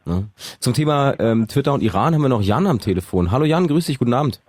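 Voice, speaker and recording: A man co-hosting a radio talk show, talking in a brisk, conversational way and introducing a caller. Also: mid-range voice, lively intonation, a little mellow, dry recording. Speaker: radio co-host. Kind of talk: casual on-air discussion.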